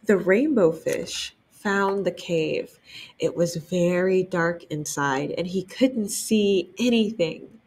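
A young woman librarian reading a picture book aloud for children, enthusiastic and gently expressive, stopping to remark on the pictures. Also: on the low side, slow pace, husky. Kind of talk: storytime read-aloud.

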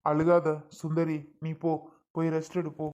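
A woman voicing a gentle grown man who soothes a crying relative in a coaxing way. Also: sits low, monotone, normal speed, smooth, voice pushed down, close to an everyday voice. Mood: soothing.

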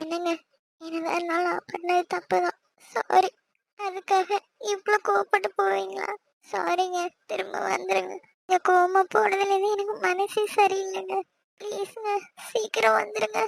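A woman's voice: sits high, fast, fairly bright tone. A young woman voicing a playful, scolding young wife in a cartoon. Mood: pleading. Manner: chiding, teasing. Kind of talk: cartoon voice acting.

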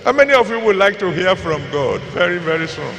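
A man with a Nigerian accent preaching a sermon deliberately, pausing between short phrases and repeating them for emphasis, his voice gravelly and creaky. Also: sits high, sing-song, fairly bright tone. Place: large church auditorium with PA reverb. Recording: reverberant large hall, faint background noise.

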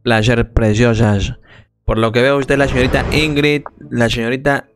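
A young man streams from home, speaking. He drags his words in a slow, overly courteous mock-gentleman manner, with a flat, level pitch. Clear background music plays under his voice. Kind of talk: trolling role-play over game voice chat.

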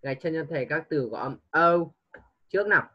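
A man's voice: on the high side, brisk, lo-fi sound. A man tutoring a young pupil one-on-one online, patiently coaxing answers and mixing English prompts into his teaching.

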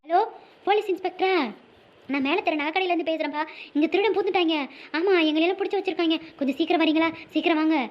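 A woman voices a cheeky, quick-witted young woman in a comic cartoon, high-pitched and rapid, with sarcastic asides. The sound is dull and lo-fi. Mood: urgent.

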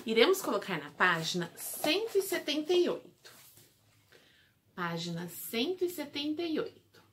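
A Brazilian woman teacher giving a remote lesson to small children, drawing out syllables slowly and clearly. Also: sits high, very animated, fairly bright tone, a little hiss or hum. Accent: Brazilian Portuguese. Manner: slow, drawn-out syllable drills for small children.

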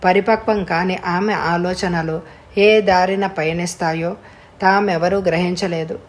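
Woman narrating a story, low-pitched. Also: fairly even intonation, a little slow. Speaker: audiobook narrator.

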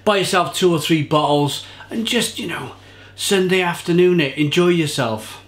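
A thirtysomething man, filming indoors at his home kitchen bar with bottles on the shelves, offers a casual and enthusiastic beer review to camera. His voice is a little high and his speed normal, with a reverberant sound. Lots of gesturing accompanies his descriptions of the flavours.

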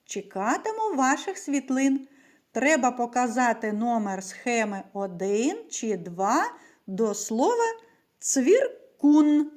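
A patient woman teacher leads young children through a reading lesson. She stretches out her words in an unhurried, deliberate way. Her fairly high voice swings widely in pitch as she asks questions and answers them herself. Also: big pitch swings, darkish tone. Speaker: primary school teacher.

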